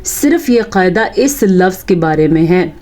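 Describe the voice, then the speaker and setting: Woman teaching quran recitation, pakistani urdu accent, soft mellow voice, slow chanting then explaining. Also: lowish voice, animated. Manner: recites verses slowly, then explains and corrects errors. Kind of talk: tajweed lesson.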